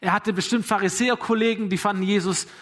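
A man's voice: high-pitched, fairly even intonation, fast, fairly bright tone. A man preaching a sermon in a casual, conversational way, retelling Bible dialogue in everyday slang.

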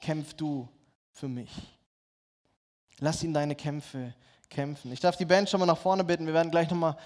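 A middle-aged man from Germany delivers a sermon with a somewhat high voice. He tells stories and acts out conversations, switching between voices for himself and for God. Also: steady tone, a little fast. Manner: storytelling, acts out dialogue with God in shifting voices. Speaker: pastor.

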